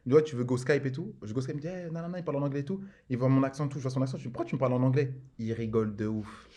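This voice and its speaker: A man speaking quickly in a loose, slangy way as a podcast guest. He tells his stories in a relaxed chat and leans on filler words. His pitch sits in a middle range. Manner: slangy, rapid, full of fillers like genre and en mode. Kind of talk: casual storytelling chat.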